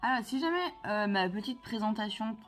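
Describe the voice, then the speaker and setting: A woman's voice: a little high, expressive, moderate pace, faint music behind. A woman chatting casually to her viewers as she plays a video game, playful and talkative. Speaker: vlogger playing a video game. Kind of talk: casual gameplay commentary.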